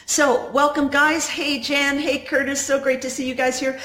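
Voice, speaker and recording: A woman's voice: sits high, flat delivery, normal speed, a bit bright. Woman in natural unscripted talk, echoey room. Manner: conversational, often addressing viewers directly. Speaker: business coach hosting a live stream. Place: indoors at home in a condo. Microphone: phone. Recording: roomy, echoey sound.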